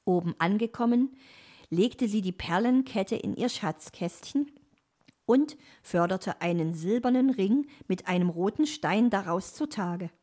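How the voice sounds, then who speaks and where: Woman narrator for a storybook: slow, lively intonation, fairly high voice. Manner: expressive, measured. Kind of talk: storybook reading.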